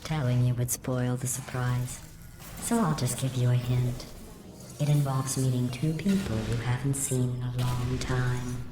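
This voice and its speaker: GLaDOS, a deadpan robotic AI. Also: female voice, rumbling low, measured pace, music in the background. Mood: mocking. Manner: deadpan, mocking, passive-aggressive. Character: cold, sarcastic female AI running test chambers. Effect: robotic voice filter. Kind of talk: video game dialogue. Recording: echoey with steady background noise.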